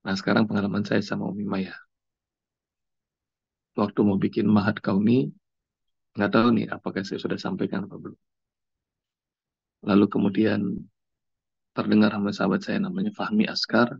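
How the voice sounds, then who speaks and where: A man preaching a sermon, telling personal stories in a relaxed conversational way. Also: lowish voice, gravelly, breathy edge, dry recording. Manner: conversational, anecdotal, unhurried. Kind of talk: storytelling sermon. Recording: dull lo-fi recording.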